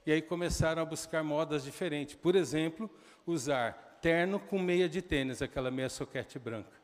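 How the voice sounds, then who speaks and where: A middle-aged man with a Brazilian accent preaching a sermon in a church, telling stories conversationally with quick asides to the congregation. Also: fairly high pitch. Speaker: pastor. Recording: long hall reverb.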